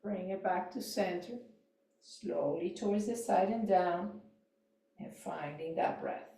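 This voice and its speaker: A woman gently guiding a yoga and mindfulness class, cueing neck movements, voice exercises and breathing in a calm way with soft trailing endings. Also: fairly low pitch, takes it slowly, creaky, recorded from a distance. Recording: echoey room, voice off-mic.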